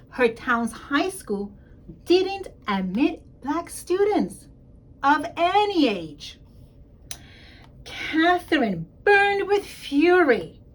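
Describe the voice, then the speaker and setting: A woman reads a children's story expressively and emphatically, speaking straight to young listeners the way a school principal would. Her voice sits high.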